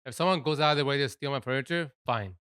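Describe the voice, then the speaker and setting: A man's voice: mid-range voice, quick pace, fairly bright tone, clear, resonant tone, dry recording, studio quality. A young man co-hosting a podcast in casual chat, laid-back and joking, swearing freely. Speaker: podcast co-host.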